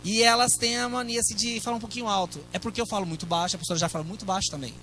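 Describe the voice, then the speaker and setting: Brazilian pastor, man, middle-aged; high and bright, chatty sermon with asides to the flock. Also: fairly even intonation, rapid-fire, a little hiss or hum, poor audio. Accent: Brazilian Portuguese. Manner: conversational preaching with asides to the congregation.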